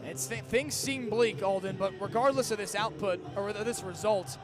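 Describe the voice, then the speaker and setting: Calling football play-by-play live from a stadium broadcast, a young adult American announcer sounds emphatic and dramatic. His voice sits high and moves at a moderate pace. Music plays in the background.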